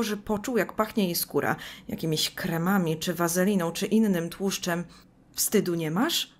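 Woman, scripted video-essay narrator, mid-range voice, dry sarcastic reads of book excerpts. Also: mid-range voice.

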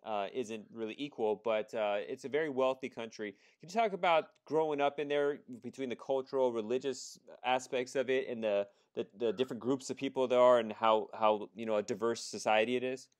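Brisk and medium-pitched, this male immigration attorney runs an interview podcast, leaving few pauses. His casual, conversational delivery is full of fillers and restarts.

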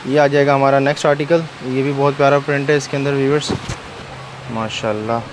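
A man's voice: mid-range voice, little pitch movement, fast talker, noisy background. A man hosting a shop-tour vlog, chatty and constantly affirming, recorded on a handheld camera in a fabric warehouse. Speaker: vlog host. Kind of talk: casual shop-tour commentary.

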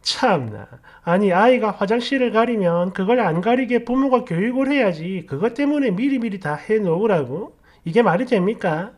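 A woman voicing a gruff online commenter who grumbles scornfully in a much lower voice. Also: expressive, moderate pace, darkish tone, natural voice. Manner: scornful, complaining.

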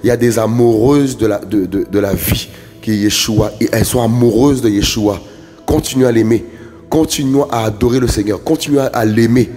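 A man's voice: medium pitch, fairly quick. Male preacher, fervent, chanting repetition, long reverb, faint worship music. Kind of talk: prophetic worship exhortation. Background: soft worship music.

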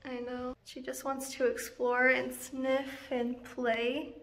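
A woman's voice: flat delivery, takes it slowly, a bit bright. A woman talking casually in a vlog, chatty and rambling, with frequent fillers and asides. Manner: breaks into a high sing-song when talking to her puppy. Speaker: vlogger. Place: outdoors at first, then indoors.

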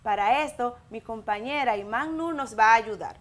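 A Dominican English teacher in her thirties, speaking with a Dominican Spanish accent and a fairly high pitch, gives a televised lesson to schoolchildren. She explains slowly and clearly in both English and Spanish, modelling sentences and words for the children to repeat.

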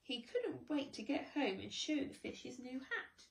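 A preschool teacher reads a picture book to children, slow and gentle. Her voice rises and falls expressively. The recording is echoey, with her somewhat away from the mic. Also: high-pitched, sing-song, vocal fry, recorded from a distance. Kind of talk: children's storybook read-aloud.

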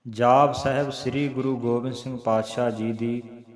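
A man teaching the correct recitation of scripture, spelling out each letter slowly and chanting the verses. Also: medium pitch, little pitch movement, roomy sound. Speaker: Gurbani teacher. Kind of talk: slow recitation lesson with explanation.

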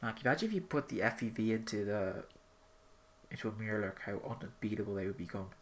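A gaming YouTuber with a lowish voice talks fast over his live play, rambling and thinking out loud as he goes. The recording is clearly noisy, with video game sounds running behind him.

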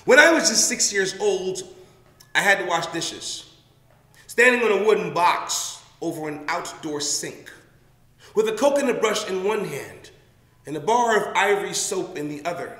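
Rhythmic Jamaican-born man performing poetry. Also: high voice. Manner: rhythmic, dropping to a hushed whisper. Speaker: poet. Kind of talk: spoken word performance. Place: community room, indoors. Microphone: stand mic. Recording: echoey room with long reverb.

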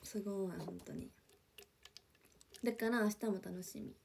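A woman's voice: medium pitch, measured pace, gravelly, darkish tone, slight background noise. A young woman chatting casually on a livestream, reading viewer comments and gushing with lots of fillers, sometimes dropping to a whisper. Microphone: phone or webcam for a livestream.

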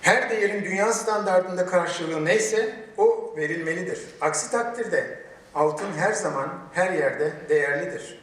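A man speaking at a podium microphone in a large hall, giving a formal prepared speech with emphatic, measured delivery and rhetorical questions. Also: sits high, a bit bright. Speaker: medical chamber president giving a ceremony speech. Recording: very echoey hall, voice distant from the mic.

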